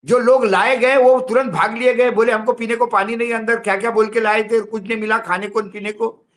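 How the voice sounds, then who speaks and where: A man's voice: high-pitched, fairly even intonation, normal speed, a bit bright. A man commenting on politics in a studio discussion, heated and rhetorical, repeating his points.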